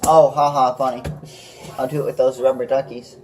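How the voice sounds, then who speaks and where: A man's voice: mid-range voice, flat delivery, brisk, darkish tone, faint music behind, low-quality recording. A man chatting casually and jokingly, prone to breaking into laughter. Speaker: card game player.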